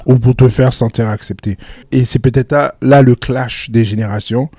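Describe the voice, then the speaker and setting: A man's voice: medium pitch, steady tone, normal speed, dark tone. A middle-aged man hosting a casual discussion, asking probing questions and interjecting with teasing remarks. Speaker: host.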